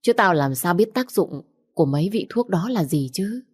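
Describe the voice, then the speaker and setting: A woman's voice: lowish voice, expressive, normal speed, slightly rough, dry recording, studio quality. A woman reading a story aloud, voicing a blunt, hot-tempered older sister who speaks coarsely. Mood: confessing.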